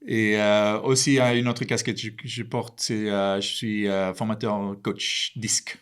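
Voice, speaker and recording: Low, smooth-voiced hesitant man. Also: flat delivery. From Ireland, raised in Spain. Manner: hesitant, halting. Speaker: entrepreneur guest. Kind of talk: casual interview.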